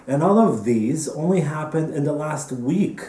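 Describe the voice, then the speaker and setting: A man hosting a virtual awards ceremony from home, delivering a dry, deadpan comedic monologue. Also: a little high, measured pace, reverberant, distant mic. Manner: dry, deadpan topical jokes. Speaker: festival director hosting an awards show.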